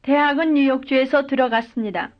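Her voice sits high and her pace is brisk as she speaks full sentences in a language drill. Each is delivered with care and evenness, captured on a dull, lo-fi recording.

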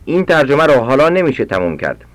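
A man reading short practice sentences aloud for language learners, slowly and with careful enunciation. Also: medium pitch, very animated, no echo. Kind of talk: read-aloud Persian drill sentences for learners.

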